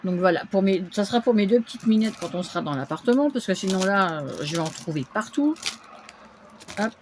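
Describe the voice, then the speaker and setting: A woman's voice: mid-range voice, expressive, brisk, background noise. A woman chatting casually through a shopping haul video at home, with lots of fillers and little interjections. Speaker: vlogger showing a shopping haul.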